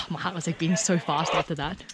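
A woman's voice: low-pitched, fairly even intonation, normal speed. A woman vlogging at an outdoor jungle adventure park, gasping, laughing and exclaiming nervously as she goes. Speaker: travel vlogger. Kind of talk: excited on-the-go vlog chat. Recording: noisy outdoor camera audio.

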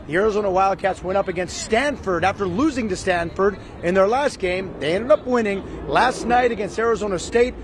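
Brisk male field reporter in his fifties, high bright voice, live outdoor stand-up, faint city hum behind. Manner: brisk, upbeat broadcast delivery. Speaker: sports reporter. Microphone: handheld mic.

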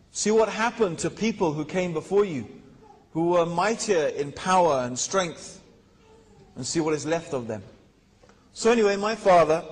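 A man telling his personal story in a religious talk, measured and pausing with fillers. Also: on the high side. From England. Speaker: guest speaker. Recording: reverberant lecture hall.

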